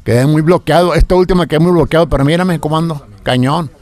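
An older man talks about himself in a casual interview. His speech is halting, and he often repeats words before he gets them out. His voice sits a little high for a man. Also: a little mellow. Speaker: radio announcer.

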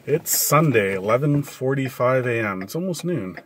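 A middle-aged man chatting casually in halting phrases to a vlog camera in a parked truck, with clicking in the background. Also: mid-range voice, expressive, slight background noise. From Canada. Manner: halting, searching for words. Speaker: lawn care vlogger. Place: cab of a parked truck at a roadside. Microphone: camera at about arm's length. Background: clicking of four-way flashers.

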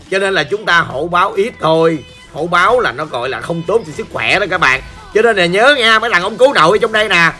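High, bright-voiced hoarse Southern Vietnamese man. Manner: playful, joking, talks straight to viewers. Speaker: gaming channel host. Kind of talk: chatty gameplay commentary. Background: faint background music.

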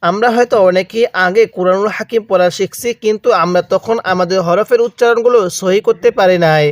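A man's voice: sits high, no echo, studio quality. A man teaching Quran letter pronunciation with a Bangladeshi Bengali accent, patiently drilling each sound and asking listeners to repeat after him. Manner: patient, repeats each letter slowly and asks the viewer to read along. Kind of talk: slow recitation lesson with call-and-repeat drills.

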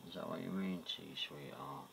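A man's voice: rumbling low, normal speed, vocal fry. A man chatting casually and hesitantly to viewers as a paranormal vlogger, murmuring and repeating himself, on a noisy home recording in a small room.

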